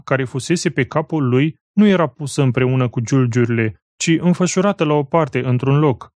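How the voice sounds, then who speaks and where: A man reads scripture aloud in a measured, solemn voice. He pitches a little higher than most men. The recording is close and dry, with no room sound. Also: a little mellow, no room sound. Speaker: Bible reader. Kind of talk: scripture reading.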